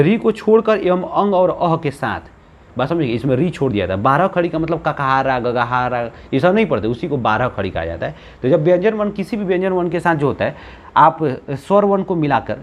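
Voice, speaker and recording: A man's voice: fairly high pitch, muffled recording. A man with a Bihari Hindi accent teaching Hindi grammar, asking the class questions, answering them himself and repeating key points. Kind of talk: classroom-style lesson.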